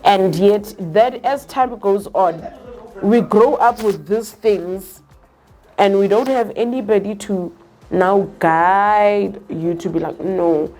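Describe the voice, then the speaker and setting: Speaking slowly in a mid-range, slightly mellow voice, a young Zulu-speaking woman from South Africa talks earnestly in a relaxed conversation. She moves back and forth between English and Zulu, and her accent shows Zulu influence.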